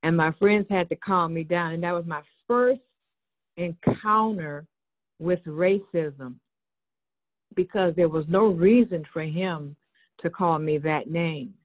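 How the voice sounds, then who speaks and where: A woman's voice: lowish voice, takes it slowly. Earnest woman speaking over a tinny phone line. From Chicago, USA. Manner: earnest storytelling, acts out quoted exchanges. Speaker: reverend and board member. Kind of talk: personal testimony in an online discussion. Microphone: cell phone call-in.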